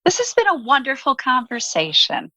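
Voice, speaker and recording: A woman's voice: high voice, huge pitch swings, moderate pace, noisy background. A woman interviewing a guest on a podcast in a conversational, friendly and appreciative manner.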